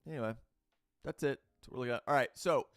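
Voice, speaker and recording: A man's voice: mid-range voice, fairly quick, a bit bright, dry recording, studio quality, soft background music. A man hosting a show, reading crypto news aloud and breaking into blunt, opinionated rants, with loose fillers and restarts. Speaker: host.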